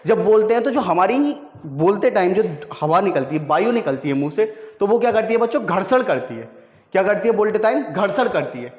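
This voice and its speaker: High-voiced man teaching in an echoey room. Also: a little mellow. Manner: repeats questions to students and answers them himself. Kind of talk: classroom lesson. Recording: echoey room, dull lo-fi sound.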